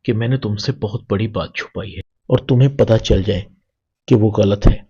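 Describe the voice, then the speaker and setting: A man reading the lines of a loving, remorseful young wife in a drama recap, softly and with a husky low voice. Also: dull audio. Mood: tender.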